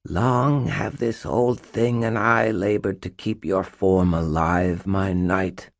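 A man's voice: deep voice, fairly even intonation, slow, creaky, no echo, studio quality, heavily acted. A man voicing an ageless, menacing faerie queen who hisses and purrs with cold, possessive regality in a storybook reading. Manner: hissing, purring, regal and possessive. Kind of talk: audiobook narration.

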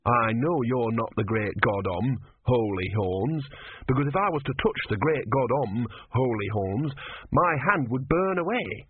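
A man's voice: medium pitch, lively intonation, measured pace, slight background noise, close to an everyday voice. A man voicing an earnest, naive young male novice monk who speaks anxiously and sincerely, heard over tinny phone-like audio.

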